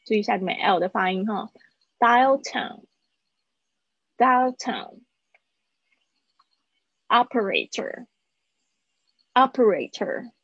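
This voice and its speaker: A woman's voice: a little high, slow pace, pauses often, breathy edge, no room sound. A woman teaching an English lesson online, explaining in Mandarin and modelling each English word twice. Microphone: online call. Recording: dull, dry live-stream audio.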